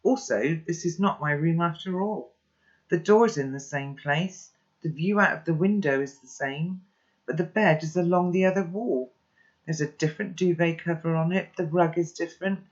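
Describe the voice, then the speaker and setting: A reader narrating a children's novel aloud in steady first-person storytelling. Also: medium pitch, normal speed, dull audio.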